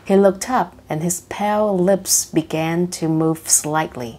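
A woman's voice: lowish voice, slow, mellow. A woman narrating short funny stories in an audiobook, reading each line twice, in two languages. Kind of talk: slow bilingual story reading.

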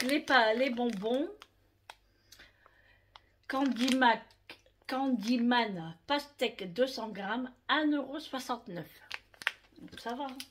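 A woman with a slightly raised pitch chats slowly and unhurriedly through her shopping haul at home. She talks straight to her viewers and keeps tagging "hein" onto her sentences. A faint hiss of background noise sits under her voice. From France. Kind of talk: casual haul vlog.

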